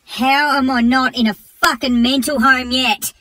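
Guy playing an annoyed aussie dude, bright and high, scolding nonstop, kinda distant from the mic. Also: fairly even intonation, unhurried, no room sound, studio quality, full character voice. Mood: exasperated. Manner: exasperated, scolding, swearing. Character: exasperated young man, disgusted and fed up.

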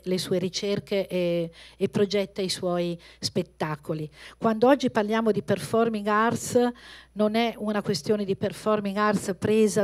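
A middle-aged woman hosts from a theatre stage in a medium-pitched voice. She speaks off the cuff into a handheld mic, often reaching for the next word and rephrasing. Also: a little mellow. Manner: searching for words, rephrasing as she goes. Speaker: event host introducing a speaker. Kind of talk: spontaneous stage introduction. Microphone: handheld microphone.

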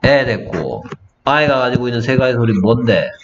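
A man's voice: mid-range voice, lively intonation, moderate pace, noisy background. A man tutoring English phonics one-on-one, quizzing his student on letter sounds. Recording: dull lo-fi audio with music.

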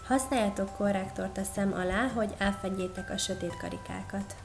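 A young woman, a beauty vlogger, talking viewers through a makeup tutorial in a friendly, instructive way, filmed close in a small bright room. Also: mid-range voice. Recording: clear background music. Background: background music.

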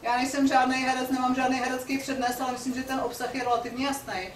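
A woman's voice: sits high, flat delivery, a little hiss or hum. A woman lecturer reading a fairy tale aloud and then asking her audience questions about it. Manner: reads dramatically, then asks the audience questions. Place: lecture hall. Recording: echoey hall from far off, faint ambience.

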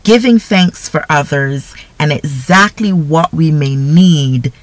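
A woman with a low voice gives an informal, conversational devotional talk on prayer at a slow pace, frequently checking in with listeners by asking "right?" The audio is poor, though there's no echo.

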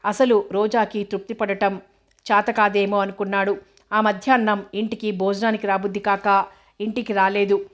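A woman narrating a novel as an audiobook, with a steady, even reading. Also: medium pitch, moderate pace.

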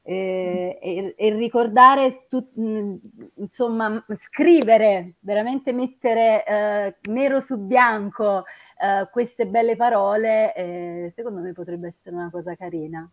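A woman with an Italian accent, hosting a casual chat and talking in a chatty, halting way with many fillers. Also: medium pitch, no echo, muffled recording. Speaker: host.

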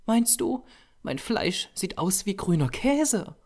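A man's voice: big pitch swings, slow pace, full character voice. A man doing a pert, scolding young woman. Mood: indignant. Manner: high, scolding and teasing. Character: young female artist's model, pert and scolding.

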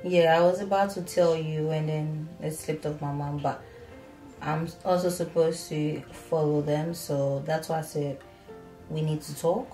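A woman's voice: low-pitched, fairly even intonation, unhurried, dark tone. An actress playing a sassy young woman who teases and is easily exasperated, in a film drama. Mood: affectionate. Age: young adult. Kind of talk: film acting. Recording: roomy, distant mic, faint music.

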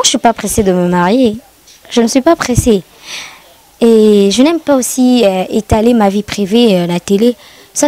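A woman's voice: medium pitch, dark tone. A young woman with a Congolese French accent, a TV presenter talking on camera in an interview, often hesitating and slipping into Lingala. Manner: mixes in Lingala, many hesitations.

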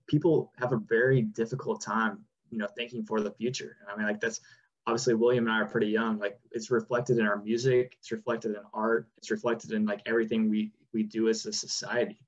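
A man's voice: lowish voice, brisk. A man in his twenties, a guest on a video-call interview, talking loosely with many fillers. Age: 20s. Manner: relaxed, lots of "like" and "you know". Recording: dull lo-fi video-call audio.

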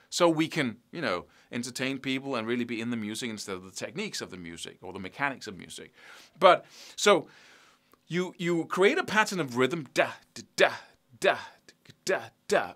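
A man's voice: fairly high pitch, bright, forceful tone. A middle-aged man giving a casual spoken guitar lesson, looping back and restarting his sentences and scatting rhythms as "da da da.". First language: Danish. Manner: loose, repeats words and restarts, scats rhythms as "da da da". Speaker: guitar teacher.

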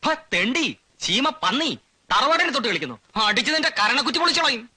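Film comedy: hot-tempered older man obsessed with family pride; high, bright, blustering delivery. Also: sing-song, a little fast, slightly rough, heavily acted. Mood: raging. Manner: blustering, insulting.

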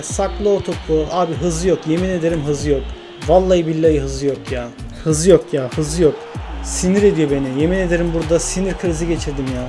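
A man narrates his football video game career into a desk mic, cheering and complaining at every chance. His voice sits high for a man. Game music plays clearly behind him. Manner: excitable, swears and grumbles at the game, commentates his own play. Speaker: gaming YouTuber.

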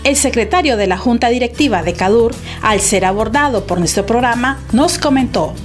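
A woman narrating a TV news report in an even reporter's delivery. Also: a little high, moderate pace, faint music behind.

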